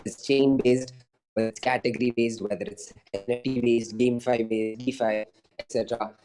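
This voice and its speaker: A man's voice: medium pitch, fairly even intonation, moderate pace, mellow, faint music behind, low-quality recording. A man who founded a startup, answering interview questions over a video call in a rambling way full of fillers and restarts.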